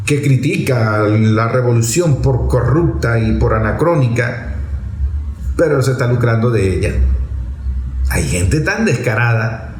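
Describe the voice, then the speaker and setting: A medium-pitched, slightly mellow man with a Venezuelan accent delivers an impassioned political monologue as a commentator. He is emphatic and rhetorical, repeating phrases to hammer his points home, in a roomy, echoing recording with faint background noise.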